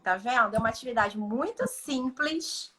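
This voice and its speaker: A woman's voice: a little high, lively intonation, moderate pace, fairly bright tone. A woman speech therapist with a Brazilian Portuguese accent, explaining activities on a video call and acting out short example dialogues. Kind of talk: instructive live chat.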